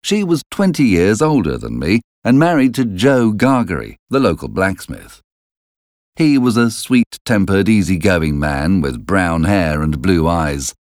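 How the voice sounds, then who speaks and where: Male audiobook narrator with a deep voice and lively, varied intonation, reading slowly in a dry room. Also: dry recording. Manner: slow, deliberate reading. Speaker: audiobook reader. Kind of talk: storybook narration.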